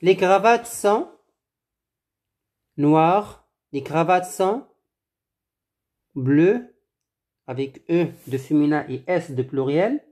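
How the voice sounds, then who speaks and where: Language teacher for a recorded lesson: unhurried, measured, warm and low in tone, repeats each item. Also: expressive. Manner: slow, deliberate, repeats words for learners. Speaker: French teacher. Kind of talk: slow drill-style French lesson.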